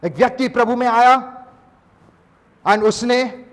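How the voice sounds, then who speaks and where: High-voiced pastor preaching in a hall. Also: male voice, slow pace. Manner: animated preaching mixing Hindi and English, acting out voices. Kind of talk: sermon. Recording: reverberant hall.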